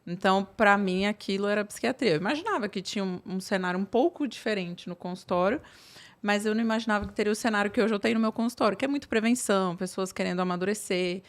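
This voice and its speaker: A woman, a psychiatrist telling her story in a relaxed, chatty way with many fillers. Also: mid-range voice, quick pace. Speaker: psychiatrist guest. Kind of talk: casual interview talk.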